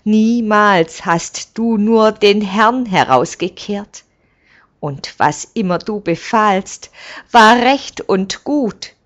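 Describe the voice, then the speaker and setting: A woman voicing a loyal, grey-haired old male servant who talks in a gruff, grumbling, emphatic way. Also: mid-range voice, lively intonation, takes it slowly, dull audio, voice pushed up. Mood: pleading.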